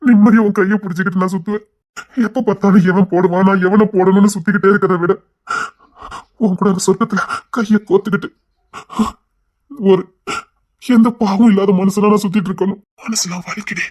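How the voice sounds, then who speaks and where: An actor voicing a gentle young husband and father in a cartoon web series, with a Kanyakumari Tamil accent and a soft, hushed delivery. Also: fairly high pitch, fairly even intonation, a little fast, pauses often, breathy edge. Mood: tender. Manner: soft, tender, often hushed.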